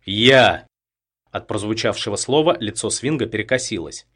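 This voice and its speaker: A man narrating a thriller audiobook in a steady, tense manner. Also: fairly low pitch, brisk.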